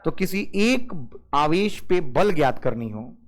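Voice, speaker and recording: High-voiced physics teacher. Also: male voice, sing-song, takes it slowly, some chatter behind. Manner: keeps asking the class "yes or no?" and calling students "babu"; mixes English physics terms into Hindi. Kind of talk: classroom lecture.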